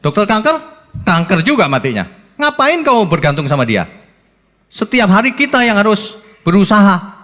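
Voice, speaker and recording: A man preaching a sermon as pastor, animated, asking rhetorical questions and acting out quotes. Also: high-pitched, moderate pace. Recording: long church reverb.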